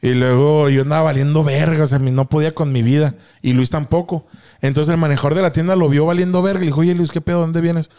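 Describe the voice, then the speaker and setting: A man's voice: on the high side, fairly even intonation, quick pace, dark tone. A young man with a Mexican accent telling a story in casual, slangy podcast chat, laughing and acting out what people said. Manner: slangy, laughing, acts out quotes. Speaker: podcast co-host.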